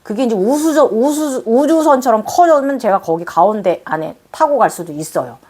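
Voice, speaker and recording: A woman host telling viewers about a dream in a casual, animated way, cooing and exclaiming fondly as she explains. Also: on the high side, normal speed, slightly rough. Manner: explains with gestures and repeats phrases. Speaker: spiritual channel host.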